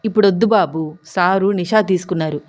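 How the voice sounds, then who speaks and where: A woman voicing a timid fifty-year-old male senior constable who speaks softly and pleads. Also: fairly low pitch, a little fast, natural voice. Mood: pleading. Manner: soft-spoken, pleading.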